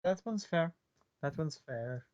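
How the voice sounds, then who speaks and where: A man's voice: fairly high pitch, lively intonation, a little slow, a little mellow, pitched above the performer's own voice. A man voicing a sly older male fixer who trades favours, theatrical and courtly, calling people "my dear". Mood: scheming. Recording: muffled lo-fi recording.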